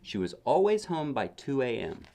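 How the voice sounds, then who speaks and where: A mellow, gravelly, mid-range male voice reads a children's picture book in a sing-song way at a moderate pace. Like a parent at bedtime, he's conversational, adding offhand remarks and questions to the listener.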